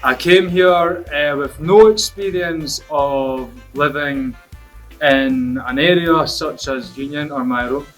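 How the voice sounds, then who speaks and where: A man's voice: fairly high pitch, takes it slowly, a bit bright, faint music behind. A young man from Scotland, giving an earnest, reflective testimonial as a program participant.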